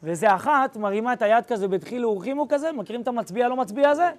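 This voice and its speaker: Telling a class of students about an episode, a young rabbi speaks in a very high male voice. He has a lively, slangy way of storytelling.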